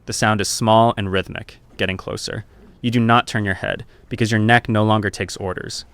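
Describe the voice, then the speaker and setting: A man narrating a scripted story in second person, in a measured, grave and deliberate way. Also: lowish voice, steady tone, vocal fry, a bit bright, dry recording.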